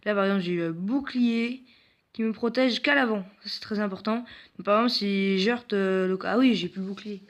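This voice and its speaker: A man's voice: high-pitched, a little fast, fairly bright tone. Man, gameplay commentary, casual, hesitant, lots of fillers, self-mocking humor. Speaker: mobile game video host.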